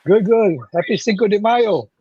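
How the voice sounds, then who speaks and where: Easygoing middle-aged Hawaiian guest, husky and a bit high, on a dull lo-fi remote line. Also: male voice, normal speed. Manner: friendly, easygoing storyteller. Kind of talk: casual podcast chat.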